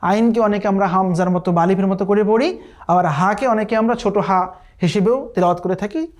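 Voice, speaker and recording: A Quran recitation teacher from Bangladesh giving a recitation lesson, patiently repeating words and drawing out recited phrases slowly. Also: mid-range voice.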